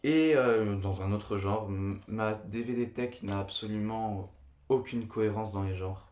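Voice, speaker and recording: A man's voice: on the low side, a little slow, a little mellow. A young man chatting enthusiastically and casually about his film collection as a video host. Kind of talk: casual film review monologue. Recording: echoey room.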